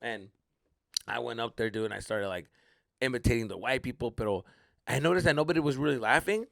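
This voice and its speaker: This man, a Mexican-American podcast host and comic, talks a little fast in a creaky, mid-range voice as he tells loose stories alone on mic. He curses, uses slang, drops into Spanish, and animatedly plays out how others responded. The studio recording has no echo.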